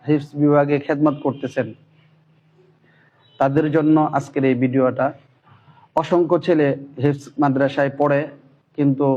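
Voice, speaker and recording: Male Quran teacher, high voice, slightly dull lo-fi sound, steady explainer. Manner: chants Arabic syllables slowly and loudly when demonstrating. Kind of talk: instructional talk on Quran reading.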